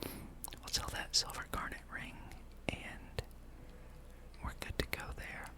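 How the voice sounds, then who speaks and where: A gaming host whispers the whole time, softly and breathily, close to the microphone. He muses through gameplay in an unhurried, casual ASMR ramble.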